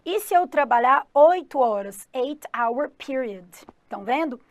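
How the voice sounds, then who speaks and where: An English teacher with a high-pitched, expressive voice and a Brazilian Portuguese accent gives an upbeat, unhurried exam-prep lesson with no room sound. She frequently checks in with her students and calls herself "the teacher" in the third person.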